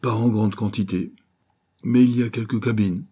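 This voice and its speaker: A man voicing a phlegmatic sailor in a blue uniform, brisk and businesslike, pitched up from a husky voice. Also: steady tone, mellow.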